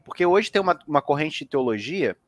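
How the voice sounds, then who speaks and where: A man's voice: a little high, very animated, brisk, no room sound. A man hosting a casual podcast, telling a story with lots of slang and swearing. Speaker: podcast host.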